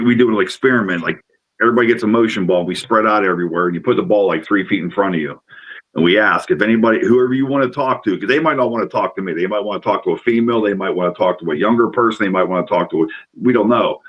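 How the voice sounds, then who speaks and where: A middle-aged man tells a long story in casual conversation, his voice sitting a little low. He rambles and gets excited, stumbling over repeated words as he goes. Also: fast talker, lo-fi sound. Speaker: paranormal investigator guest.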